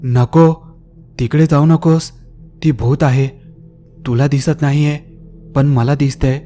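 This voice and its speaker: A man's voice: mid-range voice, fairly even intonation, normal speed, dark tone, soft background music, lightly acted. A man voicing a frightened young man who pleads in a shaky, urgent, raised voice. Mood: terrified.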